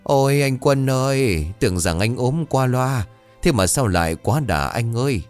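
A man voicing a young village man who wails a hired funeral lament in a drawn-out, sing-song way, in a storybook tale. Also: sits low, expressive, faint music behind. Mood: wailing lament.

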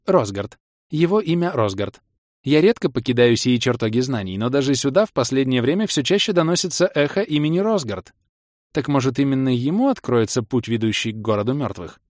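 A man's voice: medium pitch, expressive, a little mellow, no echo, clean studio sound, natural voice. A man voicing a stern, dignified grey-haired female gnome librarian who speaks formally and loftily. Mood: formal, conspiratorial. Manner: formal, measured, lofty speech.

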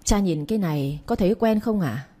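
A woman's voice: lowish voice, lively intonation, fairly quick, warm tone. A woman reading the part of a young master who sternly interrogates a servant. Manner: cold, commanding questioning.

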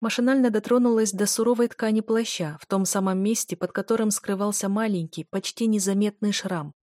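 A woman's voice: mid-range voice, steady tone, fairly quick, dark tone, no room sound, clean studio sound. Woman narrating a novel in first person. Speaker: audiobook narrator.

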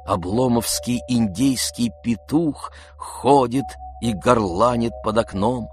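A man slowly reading a classic novel aloud as narrator, in a measured, even way. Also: medium pitch. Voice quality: slow, measured delivery. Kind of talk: audiobook reading.

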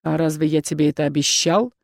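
A woman voicing a weary aristocratic man, a duke, who speaks slowly and coldly. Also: deep voice, vocal fry, no echo, studio quality, voice pushed down. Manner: slow, flat and detached.

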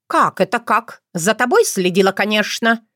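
A woman's voice: medium pitch, expressive, normal speed, pushed and bright, dry recording, studio quality. A woman voicing a sarcastic young female crow, a bald bride who teases her in-laws, in a storybook reading. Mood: mocking. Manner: sarcastic, teasing.

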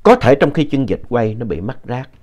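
A man narrating a ghost story in an unhurried, conversational way, adding explanatory asides. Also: mid-range voice, very animated, darkish tone. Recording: dull lo-fi audio.

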